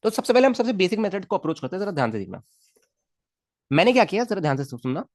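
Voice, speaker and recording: A man teaches physics to students in a live online class. His voice swings up and down with lively pitch as he coaxes them, repeats himself and checks they follow. The sound is dry and close, with no room echo. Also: quick pace. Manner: coaxing, repetitive, checks in with students often.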